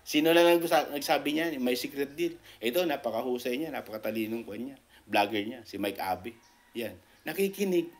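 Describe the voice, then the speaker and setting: Animated man commentating. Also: moderate pace. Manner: animated, repetitive, keeps asking "di ba?"; rises sharply in pitch when making a point. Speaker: political commentator vlogger. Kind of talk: casual political commentary.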